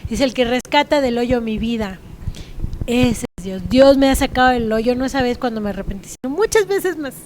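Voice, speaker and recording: A woman's voice: on the high side, animated, moderate pace, darkish tone, slight background noise. A woman with a Mexican accent giving a frank, earnest church testimony in a conversational way. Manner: earnest, frank, laughs at herself.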